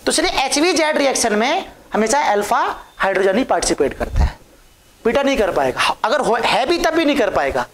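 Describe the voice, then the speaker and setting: High-voiced woman teaching chemistry. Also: sing-song, fairly quick. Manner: coaxing, asks students questions and answers them herself. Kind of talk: classroom lecture. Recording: echoey room.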